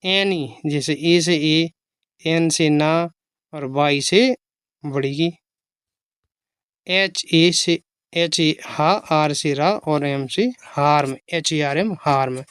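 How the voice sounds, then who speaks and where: Teacher spelling english words out super slow, clean clear voice, dry close mic. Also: medium pitch, fairly even intonation, no room sound. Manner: spells letters aloud one by one, patient and explanatory. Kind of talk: slow phonics reading lesson, spelling words out.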